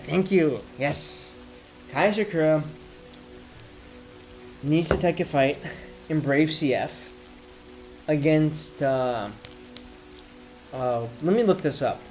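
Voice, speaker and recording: A man giving a casual, off-the-cuff sports rant, rambling and thinking aloud in halting bursts as if he has had a few drinks. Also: on the high side, darkish tone, poor audio. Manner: drinking while ranting, tipsy rambling. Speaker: MMA commentator giving opinions.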